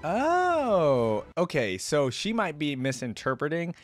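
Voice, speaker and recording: The reaction host, a man in his twenties, speaks slowly in a fairly high voice whose pitch swoops wildly, casually commenting on game voice lines while thinking aloud and asking viewers questions. He records at a home desk setup indoors on a desk mic close to his mouth, with faint music in the background.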